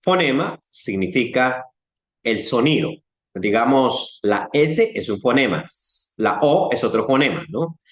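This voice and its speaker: Speaking unhurriedly in an echoey room, a man teaches a casual Bible class with a Latin American Spanish accent. He chats with listeners, puts questions to them, and demonstrates speech sounds, his mid-range voice full of lively intonation.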